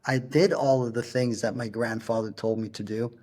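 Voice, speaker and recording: A middle-aged man speaks as an interview guest in a flat, even tone that barely rises or falls. His talk is halting and unpolished, full of pauses as he searches for the next word. Now and then he slips in a German word. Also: medium pitch, breathy edge. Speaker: guest, punk rock singer. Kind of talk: casual interview storytelling.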